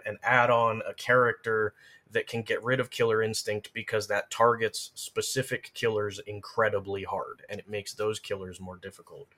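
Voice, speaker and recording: Here the same kind of speaker, a male podcast guest versed in game lore and gameplay, sounds pushed and bright while staying on the low side. His explanations are casual yet thorough, the talk of someone at home with the material.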